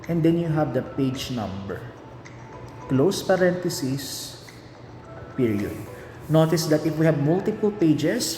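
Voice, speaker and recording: A middle-aged man teaching a lesson step by step, deliberately, as if dictating while he writes. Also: a little high, warm tone. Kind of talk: lesson narration explaining slides. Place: indoor room, recorded online lesson. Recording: echoey reverberant room, faint background noise.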